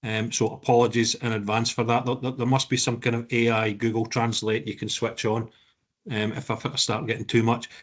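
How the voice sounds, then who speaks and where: A man presenting on an online call in a broad Scottish accent. His pitch stays fairly even and sits in an ordinary male range. He talks informally, often doubling back on words. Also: brisk. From Scotland. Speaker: guest presenter.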